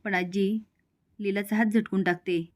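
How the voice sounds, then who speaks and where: A woman's voice: mid-range voice, steady tone. A woman narrating a serial recap. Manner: quick plain narration, reading the characters' lines in her own voice. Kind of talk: storytelling recap of a TV serial episode.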